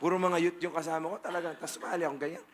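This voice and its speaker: A Filipino male pastor giving a humorous, playful testimony sermon, with bursts of shouting. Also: a little high, level tone, rapid-fire, slight background noise. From Philippines.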